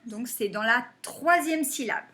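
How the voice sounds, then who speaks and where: A woman teacher giving a phonics lesson to young children, saying words slowly and clapping them out syllable by syllable. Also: fairly high pitch, expressive, bright, forceful tone, slight background noise. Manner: slow and deliberate, stretching and clapping out words syllable by syllable.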